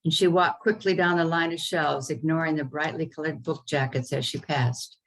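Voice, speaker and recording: A woman author reading her own children's story aloud over a video call, unhurried with the odd um. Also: low voice, fairly even intonation, a little hiss or hum, poor audio. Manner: unhurried reading with occasional ums.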